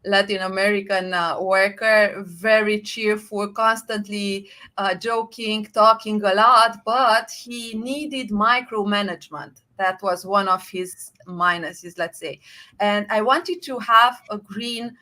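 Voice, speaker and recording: A woman with a Romanian accent speaks over a video call as an interview guest. Her voice is bright and clear, set at a middle pitch. She talks with eager enthusiasm and drifts from point to point, filling the gaps with "uh". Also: steady tone, slow pace. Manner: enthusiastic, rambling with frequent fillers. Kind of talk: conversational interview.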